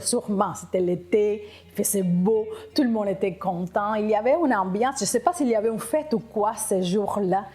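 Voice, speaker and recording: A middle-aged woman from Cuba, speaking French, telling her immigration story in an interview, reflective and halting with frequent restarts. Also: fairly high pitch, a little mellow. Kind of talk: personal testimony interview.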